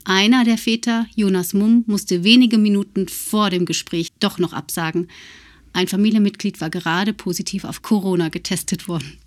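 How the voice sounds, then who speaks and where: A woman's voice: mid-range voice, steady tone, normal speed, no room sound. A woman with a mid-range voice reads a friendly podcast introduction. The recording is dry and close, with no room sound. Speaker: podcast host.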